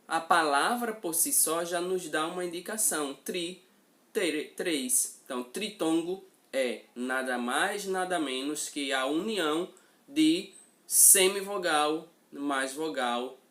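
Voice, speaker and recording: A man's voice: on the high side, a bit bright. A male teacher gives a grammar lesson, repeating example words and checking in with his students as he goes.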